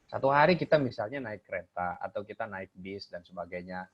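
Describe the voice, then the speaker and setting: A man coaching on communication over a webinar, explaining points and animatedly acting out how tone and gesture change meaning. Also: brisk. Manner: animated, swings pitch to illustrate intonation. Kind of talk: webinar teaching with spoken demonstrations. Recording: muffled lo-fi online call audio.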